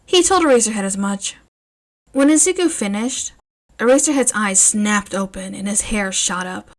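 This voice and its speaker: A woman narrating a story, her voice at a middle pitch that rises and falls with lively expression. She reads at a measured pace. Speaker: narrator, fanfiction reader.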